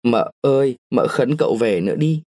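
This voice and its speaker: A man's voice: medium pitch, lively intonation, moderate pace, mellow, no echo, studio quality, natural voice. A man voicing a pampered small boy who coaxes and pleads in a babyish way. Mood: coaxing.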